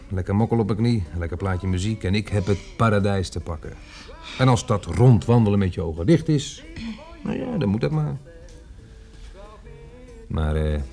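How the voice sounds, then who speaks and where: A cocky, lying chauffeur. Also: male voice, lowish voice, mellow. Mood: mocking. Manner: breezy, teasing, boastful banter. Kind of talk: dubbed film dialogue.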